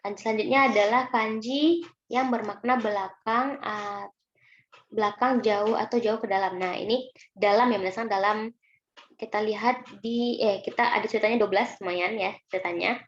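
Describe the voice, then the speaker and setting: A woman's voice: mid-range voice, fairly even intonation, normal speed. Indonesian woman teaching kanji, roomy sound. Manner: patient, chatty, often addresses students as minasan. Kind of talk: recorded online lesson explaining kanji. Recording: roomy, dull lo-fi recording with faint noise.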